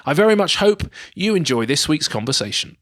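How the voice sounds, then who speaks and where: A man's voice: on the high side, sing-song, fairly quick, roomy sound. A man hosting a podcast, reading his intro and then teasing his guest in a small room. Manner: warm, jokey, teasing interviewer. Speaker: podcast host. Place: small room in an office building.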